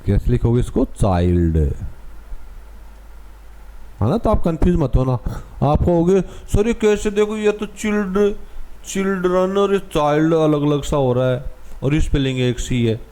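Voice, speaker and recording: A man's voice: a little high, unhurried, mellow. A man with an Indian accent teaching English to young pupils, patiently repeating words and spelling them out letter by letter.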